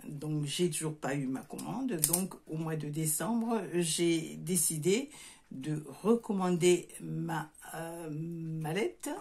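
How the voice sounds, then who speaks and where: A woman's voice: low voice, slow pace, creaky, a little mellow. A middle-aged woman with a southern French accent, chatting casually to camera in her craft workshop, hesitant with many fillers and restarts. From southern France. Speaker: crafts vlogger. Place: home craft workshop, indoors.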